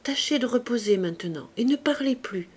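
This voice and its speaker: A woman reading an audiobook, voicing a calm, gentle nun who soothes a sick woman. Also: a little high, a little fast, slightly rough, voice pushed up. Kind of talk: audiobook character voice.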